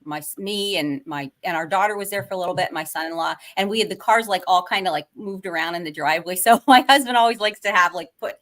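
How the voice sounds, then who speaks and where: A woman's voice: on the low side, quick pace, hardly any pauses, fairly bright tone. A woman co-host telling a story in a rambling, casual way, full of fillers and little laughs. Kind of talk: casual chat.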